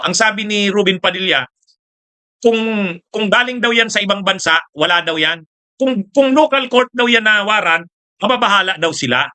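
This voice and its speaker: A man's voice: sits high, pushed and bright. A man giving mocking political commentary, laughing often and tossing in "ha?" and "oh" between remarks.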